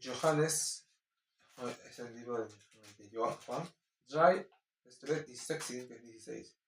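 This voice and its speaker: A man's voice: medium pitch, a little hiss or hum. Peruvian man reading scripture from afar. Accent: Peruvian Spanish. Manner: slow, halting reading with restarts. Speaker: Bible teacher. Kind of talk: informal Bible reading and commentary. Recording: roomy echo, distant mic.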